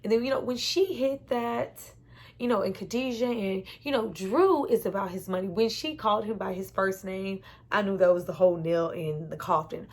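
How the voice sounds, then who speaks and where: A woman with a husky, slightly rough voice talks through a TV episode in a loose, chatty recap. Her delivery is animated, full of laughter and blunt cursing, at a mid-range pitch. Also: moderate pace. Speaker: TV show reviewer.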